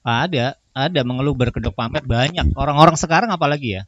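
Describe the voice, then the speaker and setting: A man's voice: medium pitch, animated, quick pace, a bit bright, dry recording, dull audio. A man co-hosting a casual podcast chat, laughing often and acting out examples with animation. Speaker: podcast co-host.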